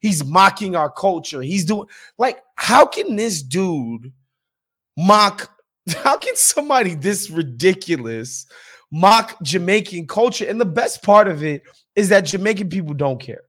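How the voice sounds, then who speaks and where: A man's voice: sits high, unhurried. A man co-hosting a podcast, talking in a casual, profane and emphatic way. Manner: profane, animated, emphatic ranting. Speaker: podcast co-host. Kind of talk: casual chat.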